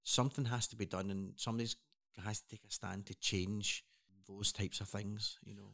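Earnest man, low voice. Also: little pitch movement, moderate pace, gravelly, bright, forceful tone. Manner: earnest, rambling with restarts. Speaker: co-host. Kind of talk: casual chat.

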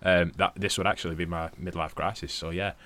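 Lower-voiced podcast co-host. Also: male voice, fairly even intonation, brisk, a bit bright, slight background noise. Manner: chatty, laughs often, swears. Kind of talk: casual podcast chat.

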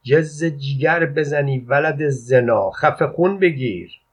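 A man's voice: medium pitch, lightly acted. A man reading as a grumpy, cursing old father. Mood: angry. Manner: gruff, snapping, insulting. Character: sick, hungry, grumpy old father who curses. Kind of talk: audiobook reading. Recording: dull lo-fi recording.

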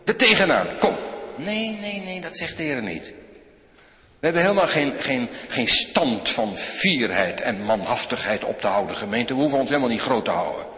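A male pastor delivers a sermon in a lively, sing-song way, his pitch rising and falling widely as he speaks straight to the congregation. The recording carries the long, roomy reverb of a church hall. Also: normal speed. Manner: animated, addresses the congregation directly, frequent "hè".

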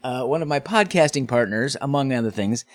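A man's voice: medium pitch, animated, fairly quick, no room sound. A man hosting a casual podcast interview, speaking into a close studio mic. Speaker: podcast host.

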